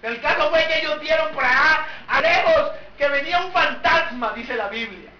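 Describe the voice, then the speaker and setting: A man's voice: extremely high pitch, normal speed, very noisy. A man preaching a sermon, telling the story with animation and throwing rhetorical questions at the congregation. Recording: echoey hall, distant mic, dull lo-fi.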